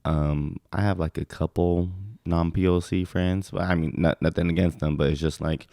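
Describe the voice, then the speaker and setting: A young man from California, a podcast guest chatting casually in a relaxed, rambling way with many fillers. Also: deep voice, moderate pace, dry recording, studio quality. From California, USA. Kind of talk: casual chat.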